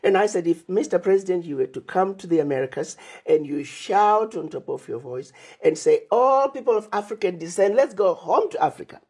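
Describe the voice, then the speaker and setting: With a low, dark, breathy-edged voice, this woman talks expressively and a little fast, barely pausing. She's a Zimbabwean Pan-African advocate guesting on an interview, emphatic as she retells conversations and lists her plans.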